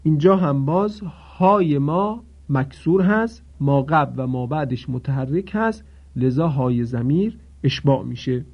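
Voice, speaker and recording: A man's voice: fairly high pitch, slightly rough. A man teaching a step-by-step recitation lesson, methodical and repeating his points while asking listeners to pay attention. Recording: dull lo-fi recording.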